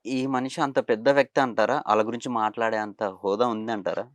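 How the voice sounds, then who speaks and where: A man's voice: mid-range voice, steady tone, fairly quick, no echo. A man interviewing a guest, asking pointed questions and prompting him with short hums. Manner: probing, prompting, frequent agreeing hums. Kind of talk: casual interview.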